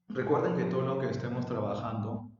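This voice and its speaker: In this recorded remote lesson, the audio is dull and roomy, distant with long reverb. The male secondary school language teacher, whose mid-range voice is a little mellow, patiently walks through the material and stretches out his example words.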